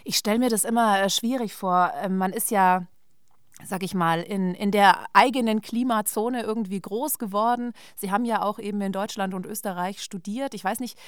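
A woman's voice: mid-range voice, fairly even intonation, moderate pace, clear, resonant tone, dry recording, studio quality. A woman interviewing a guest, asking questions in a friendly, conversational way.

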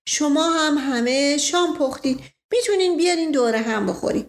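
A woman voicing a proud, excitable older man who heads the family and speaks formally. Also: high voice, voice pushed up. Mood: hospitable. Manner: pompous, formal.

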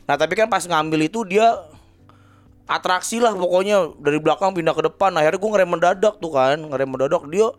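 A man's voice: fairly high pitch, a little fast, no room sound. A man telling a family story in casual chat, blunt and swearing freely. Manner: blunt, swears freely, acts out his child's lines. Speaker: podcast co-host.

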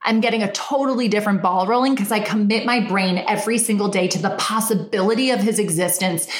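A woman with a Valley Girl accent, a relationship coach giving a chatty, emphatic motivational talk. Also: medium pitch. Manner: chatty and emphatic, repeats words for stress. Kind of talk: motivational monologue. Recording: roomy echo.

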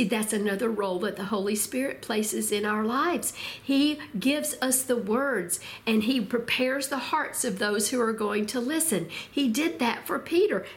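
A woman preaching a Bible teaching, expressive and slowing down to stress key words, often asking rhetorical questions. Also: on the high side. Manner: expressive, slows for emphasis. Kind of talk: sermon.

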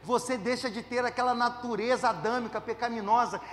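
High-voiced pastor preaching. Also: male voice, steady tone, brisk, a bit bright, big-room sound, slight background noise. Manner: conversational preaching with rhetorical questions and humor. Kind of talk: sermon. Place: church.

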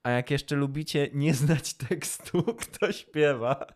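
A man's voice: on the high side, slow. A man co-hosting a podcast, chatting casually, explaining things and joking along. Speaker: podcast co-host. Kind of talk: casual improvised chat.

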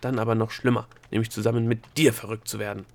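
A man voicing a sharp-tongued, sarcastic young princess in an audiobook. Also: fairly low pitch, little pitch movement, fast, creaky. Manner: snappy, sarcastic. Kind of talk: audiobook character voice.

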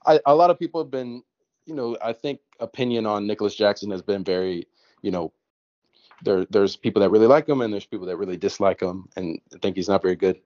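A man's voice: on the low side, a little fast, a little mellow, no echo. A man from the United States talking football on a podcast panel, casual and hesitant, often restarting his sentences. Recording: dry, dull lo-fi mic.

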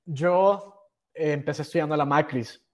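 A man's voice: fairly high pitch, unhurried, darkish tone. A young man from Honduras with a Honduran accent, casually telling stories about his school years in a slangy, self-mocking way, dropping English words in. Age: young adult. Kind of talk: casual storytelling.

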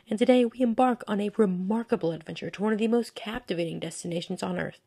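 A woman hosting a podcast in the style of a scripted nature documentary, with earnest, descriptive and measured storytelling. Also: mid-range voice, creaky, a little mellow, slightly rough. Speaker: podcast host.

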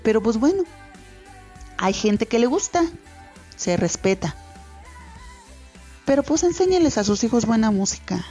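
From a radio studio, a female host with a Mexican accent rambles earnestly to parents, giving casual advice packed with fillers and restarts. Her voice is a little high and dark in tone, swinging widely in pitch, a little slow and pausing often, with faint music behind.

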